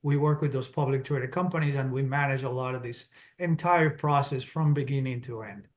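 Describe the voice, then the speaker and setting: A middle-aged Colombian man with a Colombian Spanish accent is interviewed, explaining things step by step in a steady, businesslike manner and setting out his points in order. His voice is mid-range and his pace fairly quick.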